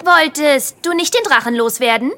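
High-voiced, earnest student pony. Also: female voice, normal speed, pushed and bright. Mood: prompting. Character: earnest, studious young female pony. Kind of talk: children's cartoon audio play. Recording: music underneath.

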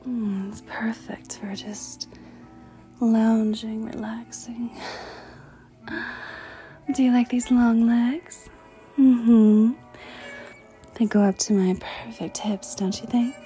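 A woman in an intimate audio roleplay, talking in a flirty, playful way with retro slang, often dropping to breathy whispers and giggling. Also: a little high, fairly even intonation, takes it slowly, pauses often, dark tone, faint music behind.

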